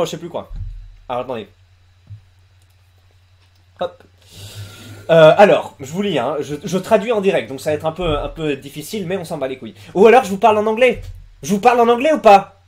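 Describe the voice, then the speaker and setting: A man's voice: high voice, darkish tone. A man giving casual live commentary, rambling with many fillers, restarts and crude slang.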